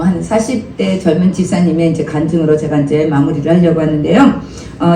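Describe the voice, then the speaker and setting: A male senior pastor preaching a church sermon in an animated, conversational way, drawing replies from the congregation. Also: fairly high pitch, a little hiss or hum. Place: church sanctuary. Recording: roomy sound from some distance with faint ambience.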